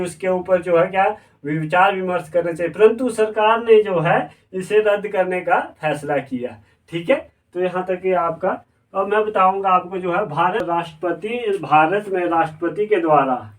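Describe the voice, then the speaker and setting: A man's voice: sits high, far from the mic. A man teaching an exam-prep lesson who repeats and rephrases himself, with frequent fillers.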